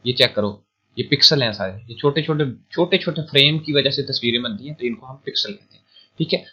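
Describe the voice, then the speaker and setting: A man's voice: medium pitch, fairly bright tone, slightly rough, lo-fi sound. A young man from Pakistan teaching an online computing lecture in a chatty, informal way, often repeating points and checking in with his viewers. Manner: chatty, repeats points, keeps adding "theek hai". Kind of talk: informal screen-recorded lecture.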